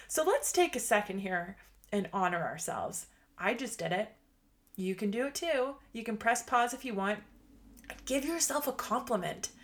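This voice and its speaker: Delivering an upbeat motivational podcast monologue, this late-thirties woman host is bubbly and talkative, with frequent laughter. Her mid-range voice is a bit bright.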